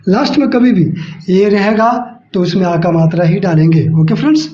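High-voiced man teaching slowly in an echoey room. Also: expressive, warm tone. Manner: slow, repeats each step, explains aloud while writing. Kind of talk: step-by-step classroom lesson. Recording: echoey room, dull lo-fi sound.

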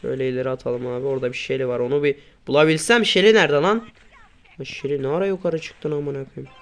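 A man doing casual gameplay commentary, grumbling and swearing at his teammates, then breaking into sudden loud outbursts. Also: mid-range voice, fast talker. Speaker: gaming YouTuber.

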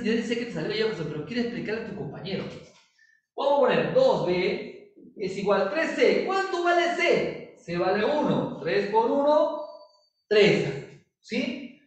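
A male chemistry teacher giving a recorded lesson, playful and teasing, constantly checking if students follow. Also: sits high. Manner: playful, teasing, asks many check questions. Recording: very echoey room, distant mic.

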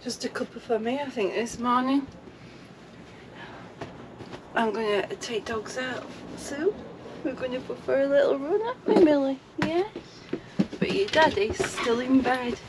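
A woman's voice: sits high, unhurried, long pauses, noisy background. A woman, chatting casually to camera as a vanlife vlogger, talking to her dogs and viewers. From England. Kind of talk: casual vlog chat. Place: inside a motorhome, then outdoors on a seafront promenade.

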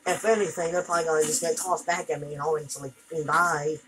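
A woman's voice: deep voice, steady tone, fast talker, fairly bright tone, a little hiss or hum, rough recording. A woman commenting on her gameplay as she plays, frustrated, exclaiming and cursing at the game. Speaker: gamer.

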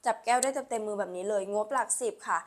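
A woman speaks as a live-stream seller in a mid-pitched voice. She delivers a hard sell, repeating her selling lines and urging listeners along, with polite particles closing most phrases. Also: fast.

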